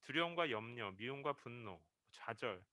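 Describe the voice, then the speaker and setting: A man's voice: mid-range voice, expressive, moderate pace, sharp tone, dry recording. A male pastor preaching a Sunday sermon, telling a story and acting out the quoted lines as he builds to emphatic peaks.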